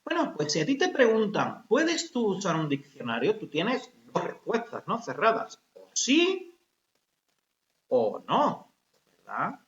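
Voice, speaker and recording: A man teaches English to adults, his voice high and swinging up and down as he explains. He checks constantly that the class is following and slows down to model example sentences. The recording is roomy and a bit muffled. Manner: lively, explains step by step with frequent checks like ¿vale?. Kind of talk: recorded grammar lesson for adults.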